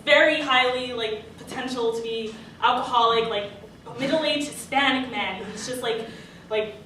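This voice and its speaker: A young woman doing a rambling, deadpan stand-up comedy set, full of fillers. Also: on the high side, normal speed, a little hiss or hum. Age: young adult. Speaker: stand-up comic. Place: comedy night on stage before a live audience. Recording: distant mic, echoey room, audience laughter.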